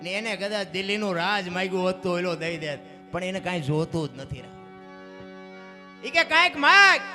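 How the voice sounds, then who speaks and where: High-voiced storyteller. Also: male voice, a little fast. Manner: animated, swings between loud cries and hushed asides. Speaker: folk storyteller. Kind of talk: dayro folk storytelling and moral talk. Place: stage program. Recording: live stage with music behind. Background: music.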